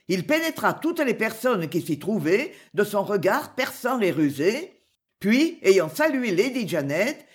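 Expressive, lively audiobook narrator. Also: medium pitch. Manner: slow, expressive storytelling. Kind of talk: scripted literary narration.

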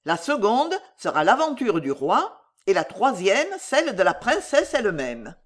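A woman's voice: mid-range voice, big pitch swings, a little slow. A woman voicing a bold, teasing young male shepherd in a read-aloud folk tale. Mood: cheeky.

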